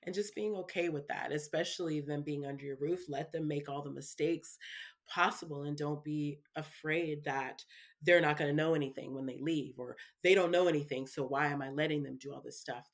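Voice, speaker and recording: Her voice is deep with fairly even intonation, and she speaks at a moderate pace as a guest in a casual interview about parenting. She keeps it chatty and loose, tagging sentences with small asides and often saying "you know" and "right".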